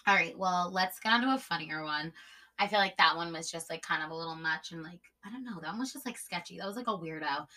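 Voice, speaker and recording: A woman's voice: on the low side, fast talker, pushed and bright. A young woman hosting a podcast, telling stories in a blunt, casual way, swearing freely and filling her talk with "like.". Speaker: podcast host. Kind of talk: casual storytelling monologue.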